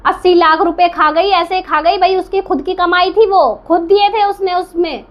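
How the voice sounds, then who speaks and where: With dull audio, a reaction vlogger speaks at a moderate pace in a very high voice, indignantly scolding the camera. She is defiant, asks rhetorical questions and repeats her points for emphasis.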